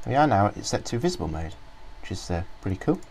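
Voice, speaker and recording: This reviewer's voice sits on the low side, very animated, quick, creaky and darkish, with slight background noise. He rambles through a casual screen-recorded software walkthrough, littered with ums and restarts.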